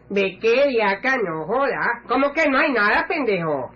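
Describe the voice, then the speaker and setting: A man playing a husky, brash village loudmouth. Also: extremely high pitch, a little slow, heavily acted. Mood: blustering. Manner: excitable, curses constantly, stammers when upset. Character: brash swearing village man, middle-aged. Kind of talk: radio comedy acting. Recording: lo-fi radio recording.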